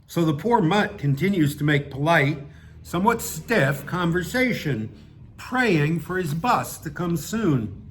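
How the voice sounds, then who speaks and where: A man's voice: fairly high pitch, very animated, measured pace, a little hiss or hum. A man reading his own humorous essay aloud, with a dry, wry delivery and offhand asides.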